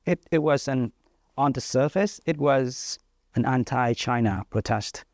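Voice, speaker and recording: A man in his thirties from northern Vietnam, a native Vietnamese speaker, answering interview questions thoughtfully with frequent pauses and fillers. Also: medium pitch, a little mellow, dry recording. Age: 30s. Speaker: journalist guest.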